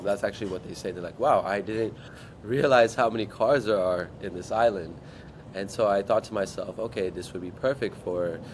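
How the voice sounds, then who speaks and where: A startup founder from Guam tells his story in a relaxed interview, acting out what he used to think. His voice is low, and there is background noise.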